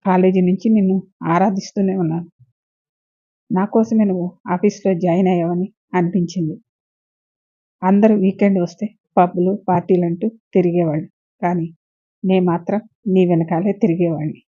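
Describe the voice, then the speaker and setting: A woman's voice: lowish voice, steady tone, moderate pace, pauses often, mellow, no room sound, lightly acted. A woman voicing a pushy, self-pitying young man who pleads insistently, in a dull lo-fi recording. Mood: pleading.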